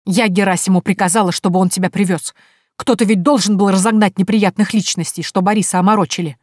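A woman's voice: lowish voice, brisk, a little mellow, dry recording, clean studio sound, close to an everyday voice. A woman reading an audiobook, voicing a tearful, spiteful and domineering older merchant's wife who wails and scolds. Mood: indignant. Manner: wailing, scolding, indignant.

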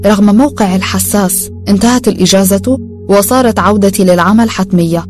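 A woman reads an audiobook at a brisk pace, with a steady storytelling manner. Her voice sits at a middling pitch for a woman. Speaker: narrator. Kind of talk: audiobook narration.

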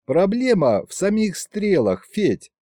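A man voicing a chatty young elf king who explains things in a lively, raised voice. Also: high-pitched, takes it slowly, no echo, studio quality, pitched above the performer's own voice, full character voice. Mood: explaining.

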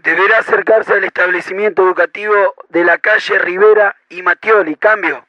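A man's voice: high-pitched, steady tone, fairly quick, sharp tone, no echo, dull audio. A man playing a police dispatcher, heard through a police radio transmission in clipped radio procedure talk. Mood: urgent. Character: adult male police dispatcher, brisk. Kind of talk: radio drama acting.

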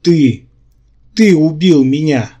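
A man reading an audiobook, voicing a bitter hero reborn as a clawed monster, speaking hoarsely. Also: fairly high pitch, measured pace, a little mellow. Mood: furious. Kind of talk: audiobook character voice.

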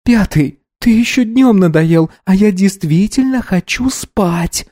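A man's voice: high-pitched, measured pace, warm tone, dry recording, studio quality, voice pushed up. Curt, irritated young woman, as a male narrator puts her on. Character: sharp-tongued tired young woman.

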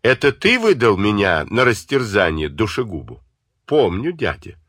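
A husky-voiced man doing a furious, scornful young woman in a storybook, flinging accusations with a lively rise and fall. The voice is low at its base, set in a dry, close sound. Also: moderate pace, dry recording. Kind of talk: audiobook character voice.

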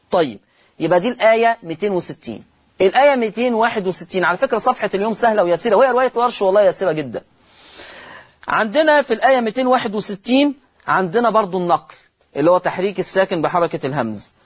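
Male host of a recitation lesson, Egyptian accent, fairly high voice, repeats terms and draws out words to demonstrate. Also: slightly rough. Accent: Egyptian Arabic. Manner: quizzes listeners with repeated rhetorical questions. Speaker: Quran recitation teacher, show host. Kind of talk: televised Quran recitation lesson.

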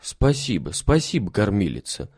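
A man's voice: fairly low pitch, very animated, normal speed, darkish tone, slightly rough, dry recording, studio quality, full character voice. A man voicing a timid, humble old soldier who talks meekly and gratefully in a storybook reading. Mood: reminiscing. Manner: meek, pious, grateful.

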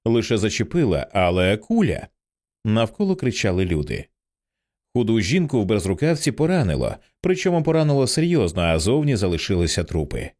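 A man narrating an audiobook with an expressive, dramatic reading. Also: lowish voice, brisk.

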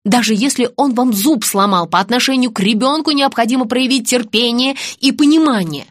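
A woman reading an audiobook, voicing a stern clinic worker who speaks slowly and firmly. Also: a little high, no room sound, clean studio sound, lightly acted. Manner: stern, measured. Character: stern dental receptionist woman.

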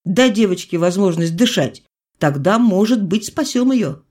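A woman's voice: mid-range voice, expressive, unhurried, a little mellow. A woman voicing a tense young male country doctor who urges and commands. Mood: urgent. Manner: urgent, insistent pleading.

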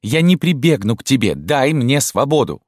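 A man reading an audiobook voices a proud, hot-tempered young daughter who turns shrill and sharp. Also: sing-song, moderate pace, no room sound, clean studio sound.

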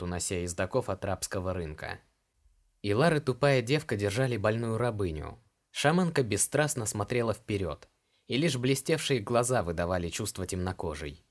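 A man narrating an audiobook in a steady, even reading voice. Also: lowish voice.

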